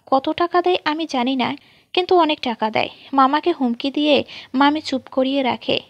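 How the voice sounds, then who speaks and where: A woman's voice: high voice, normal speed, gravelly, no echo, dull audio. A woman voicing a frightened young bride who has fled her wedding, telling her story plainly and pleading for shelter.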